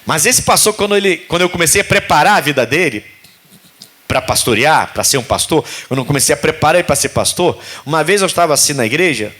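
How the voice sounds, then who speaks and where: A pastor preaches with a high, lively voice that swings widely as he tells a story. He slips into the voices of the people in his story and speaks directly to his congregation. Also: fast talker. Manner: animated storytelling preacher, acts out dialogue. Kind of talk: sermon.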